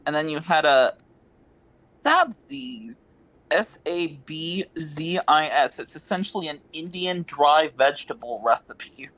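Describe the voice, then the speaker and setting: A man's voice: a little high, normal speed, few pauses, fairly bright tone, poor audio. A man acting as word expert on a game show, explaining the best possible words and spelling them out letter by letter. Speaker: dictionary expert.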